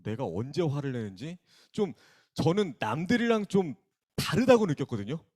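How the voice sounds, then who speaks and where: A young man leads a youth worship gathering in a church hall, teasing the students and asking them questions one by one. His voice sits a little high and leaps around a lot as he banters. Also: big pitch swings, moderate pace, darkish tone. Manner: bantering, teasing, calls on listeners by name. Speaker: youth pastor. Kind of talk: casual sermon opening with audience questions.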